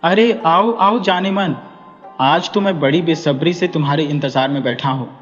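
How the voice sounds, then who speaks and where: A man's voice: on the high side, fairly quick, natural voice. A man plays a lecherous middle-aged village headman in a storybook reading, brash and leering. The raised voice rings with long reverb, and faint music sits behind it. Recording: dull echoey recording with music.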